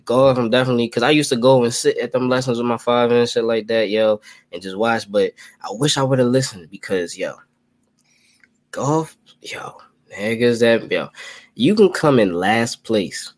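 A man in his twenties co-hosting a podcast, talking in a slangy, animated way with lots of "yo" and "you know what I'm saying". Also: mid-range voice, moderate pace, no room sound. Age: 20s. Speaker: podcast co-host. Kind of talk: casual chat.

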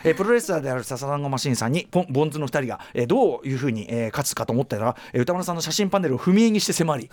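A man's voice: on the high side, expressive, darkish tone. A man hosting a radio talk show, joking, reading listener mail and nodding along in casual chat. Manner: quick, joking, reads listener mail aloud with frequent back-channel nods. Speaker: radio host.

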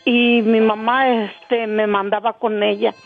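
High-voiced woman on a tinny phone line. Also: flat delivery, measured pace, soft background music. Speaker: caller. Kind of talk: phone-in chat.

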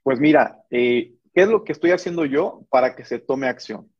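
A man's voice: mid-range voice, lively intonation, normal speed, husky, lo-fi sound. A man who serves as an army sergeant, explaining at length in a conversational interview, earnest and full of restarts and hesitations.

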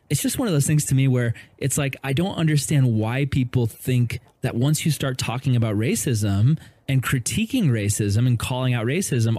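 Male host, earnest casual chat, mid pitch, dry close mic. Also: darkish tone, no room sound. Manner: earnest, conversational, many fillers. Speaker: podcast host.

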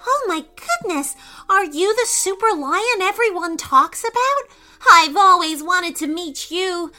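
A kind, eager little boy from a storybook, put on by a woman narrator. The voice sits very high and bright, bouncing up and down as it speaks slowly. Soft music plays underneath. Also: heavily acted. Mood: sweet, flattering. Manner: high and excitable.

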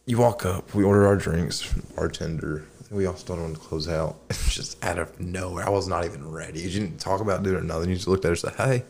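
Deep-voiced man telling a bar story. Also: fast, creaky, few pauses, slight background noise. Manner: animated storyteller, laughs often. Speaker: podcast co-host. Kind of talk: casual chat.

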